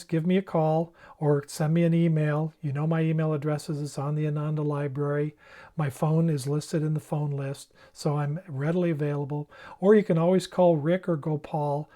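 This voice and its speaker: A presenter demonstrating emergency radios explains things step by step in an informal, plain-spoken manner. His voice is fairly high and dark-toned, steady, at a normal speed.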